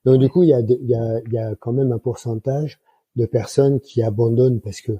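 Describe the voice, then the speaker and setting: A man's voice: mid-range voice, steady tone, fairly quick, dark tone, husky, no echo, muffled recording. A man in his sixties, a flight instructor, telling colloquial anecdotes in a casual interview with many fillers. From France. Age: 60s. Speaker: guest, microlight flight instructor.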